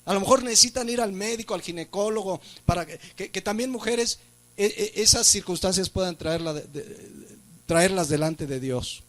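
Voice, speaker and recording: Man, pastor, Mexican Spanish accent, high-pitched, church sermon, rhetorical questions. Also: moderate pace, fairly bright tone. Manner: preaching with rhetorical questions and emphatic rises.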